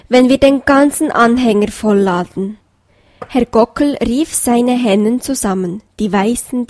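Woman reading a children's story aloud, slow and gentle, fairly high voice, dry close sound. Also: no echo. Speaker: reader.

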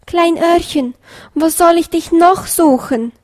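A woman's voice: sits high, a little slow. Woman voicing Hoppel, a fretful father hare. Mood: lamenting. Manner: anxious, pleading, raised voice. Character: worried father Easter hare, male adult.

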